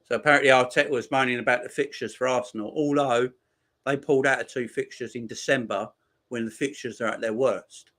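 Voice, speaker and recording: A forty-year-old man hosting a football watchalong stream, chatting easily with his viewers. His talk is relaxed and slangy, and he laughs often between his lines. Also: mid-range voice, a little fast. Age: 40s. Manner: laid-back banter, laughs often, slangy. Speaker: livestream host. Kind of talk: casual chat reading viewer comments.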